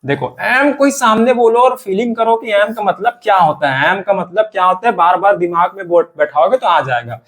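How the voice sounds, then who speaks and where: A man's voice: high-pitched, animated, normal speed, few pauses, fairly bright tone. A man teaching English grammar, drilling example sentences over and over. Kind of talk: classroom grammar lesson.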